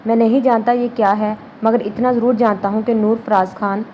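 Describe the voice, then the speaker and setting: A woman reading the lines of a male professor musing quietly to himself, lovestruck. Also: a little high, steady tone, muffled recording, slight background noise, natural voice. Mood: dreamy.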